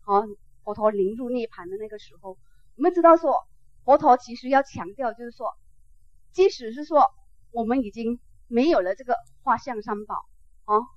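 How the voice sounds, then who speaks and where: A woman with a fairly high voice teaches a class on Buddhism in a chatty, conversational way. She fills her pauses with soft sounds and often checks that her listeners follow. The recording is dull and lo-fi, with a dry, close sound. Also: animated, dry recording. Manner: conversational, with frequent "ah" fillers and check-ins.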